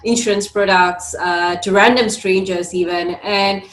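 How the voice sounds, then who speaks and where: A woman's voice: mid-range voice, steady tone, unhurried, reverberant, a little hiss or hum, rough recording. A young woman from Singapore, a career coach talking as a podcast guest, thoughtful and full of fillers. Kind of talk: conversational interview.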